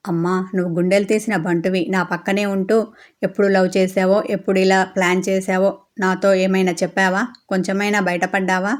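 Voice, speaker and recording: Cheeky young girlfriend, voiced by a woman narrator; teasing, even-pitched. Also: fairly quick, lightly acted. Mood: aggrieved. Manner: teasing, mischievous.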